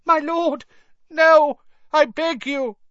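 A shrill groveling servant. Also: male voice, fairly even intonation, takes it slowly, a bit bright, no echo, exaggerated voice. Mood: begging. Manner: gasping, sobbing, groveling. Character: short balding cowering male servant, wheezing and pleading. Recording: dull, dry lo-fi audio.

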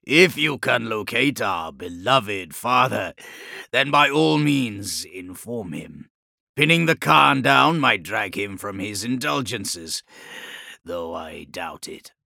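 A man voicing a wounded, proud male commander who speaks in a bitter, sardonic way, with a raspy voice. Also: medium pitch, expressive, bright, forceful tone, no echo, studio quality, heavily acted. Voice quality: raspy, gravelly. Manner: slow, cold and commanding. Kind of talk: audiobook character voice.

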